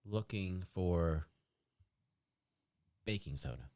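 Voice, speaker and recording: Animated storytelling man, lively pitch. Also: slow pace. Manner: storytelling, animated, swears casually. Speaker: podcast co-host. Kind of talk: casual chat.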